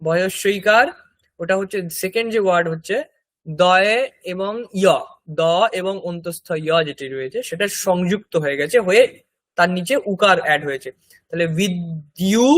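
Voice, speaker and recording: A man with a Bengali accent teaching a Sanskrit lesson, patiently spelling each word letter by letter and repeating it slowly. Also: high-pitched, a bit bright, dry recording. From India. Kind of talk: classroom language lesson.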